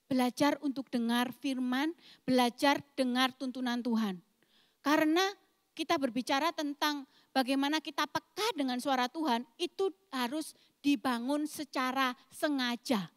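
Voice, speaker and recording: A woman in her forties from East Java, Indonesia, preaches a sermon as a pastor with a thick East Javanese accent, addressing the congregation in an emphatic, explosive manner. Her voice is high-pitched and moderately paced. The clean studio sound has no echo yet still conveys a big room.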